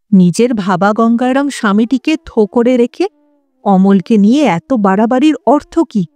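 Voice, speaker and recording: A woman narrates a literary audiobook in a measured, steady storytelling manner. Her voice sits fairly high yet sounds mellow, and she is recorded close up in a dry room. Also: dry recording.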